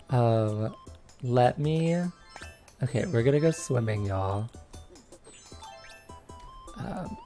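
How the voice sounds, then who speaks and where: Over soft background music, a woman in her twenties streams a game and chats casually, giggling, bubbly, and cheering a lot. She has a bass voice with lively intonation and a dark tone, drawing out words and pausing at length.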